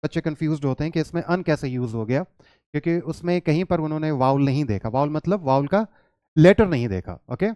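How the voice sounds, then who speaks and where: A man's voice: a little high, animated, brisk, mellow, clear, resonant tone, no echo, studio quality. Man teaching English in Hindi. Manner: explains patiently, asks the class questions and answers them himself. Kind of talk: classroom lesson in Hindi and English.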